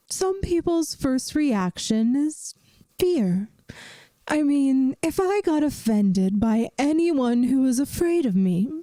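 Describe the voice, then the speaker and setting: Soft, soothing and teacherly, a woman with a high-sitting voice portrays a centuries-old vampire math teacher for an ASMR roleplay. She comes across gentle, wry and reassuring, and there's no echo.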